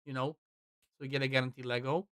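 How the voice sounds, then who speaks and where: A man streaming a game and chatting casually, rambling with quick asides. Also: mid-range voice, flat delivery, a bit bright, clean tone, no echo, clean studio sound. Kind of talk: casual chat while gaming.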